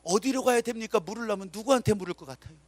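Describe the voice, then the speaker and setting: Give me a high-pitched man preaching an emphatic, story-driven sermon with a dry, close sound. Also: rapid-fire, darkish tone, no echo. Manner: dramatic storytelling, acts out quotes; emphatic, calls for amens. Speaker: pastor.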